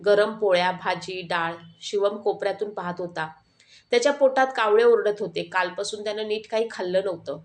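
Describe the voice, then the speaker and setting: Woman, narrator, scripted storybook narration, slow, hushed, sorrowful, mid pitch.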